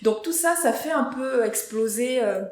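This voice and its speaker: A woman guest on a podcast interview, telling her own career story in a lively conversational way and acting out what others said to her. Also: a little high, measured pace. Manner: lively storyteller who acts out quoted voices. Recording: roomy echo.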